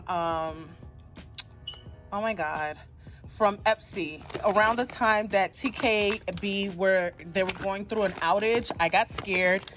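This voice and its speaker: A woman's voice: mid-range voice, fairly bright tone. A woman giving a chatty, upbeat vlog tour of her small business workspace, slightly out of breath. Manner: chatty and upbeat, adds "okay?" and "honey". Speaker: small business owner and vlogger.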